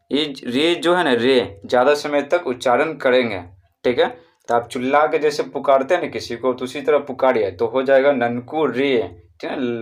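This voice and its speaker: A mid-range male voice with a Bihari Hindi accent walks pupils through a primary-school textbook chapter. He repeats answers to drill them in and draws words out to demonstrate calling out.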